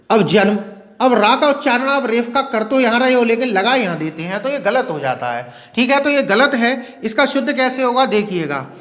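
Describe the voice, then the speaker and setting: A man teaching Hindi grammar in a video lecture, asking questions and answering them himself and slowly repeating key words. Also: high voice, fairly bright tone. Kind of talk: classroom-style video lecture. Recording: long reverb.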